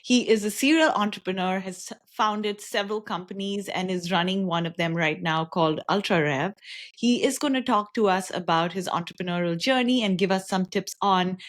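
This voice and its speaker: A woman's voice: medium pitch, moderate pace. A woman hosting an interview show, introducing her guest and asking questions in a friendly manner. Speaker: podcast host.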